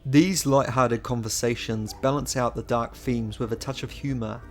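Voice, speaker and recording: A man giving a measured, enthusiastic scripted narration for a video essay. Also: mid-range voice, fairly even intonation. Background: faint music.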